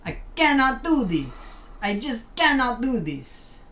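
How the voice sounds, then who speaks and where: A woman gives casual live-stream commentary from a desk in her home room, joking, adopting put-on accents, and bantering with the game. Her voice is a little high, very animated, slow, and a bit bright. Faint hum hangs in the roomy recording.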